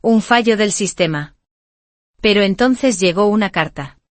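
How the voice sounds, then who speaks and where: A woman reading a first-person story as scripted narration, in a slow, even, measured way. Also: mid-range voice, no room sound.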